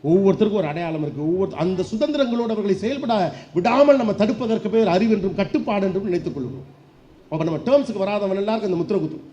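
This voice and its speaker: A middle-aged man giving a lively motivational speech to an audience, firing off rhetorical questions and acting out voices. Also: sits high, very fast. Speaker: public speaker. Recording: dull lo-fi sound with faint background noise.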